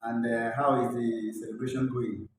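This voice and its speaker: A man hosting an interview, speaking formally with slow fillers. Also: mid-range voice, little pitch movement, faint music behind. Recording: echoey room, distant mic, crowd noise.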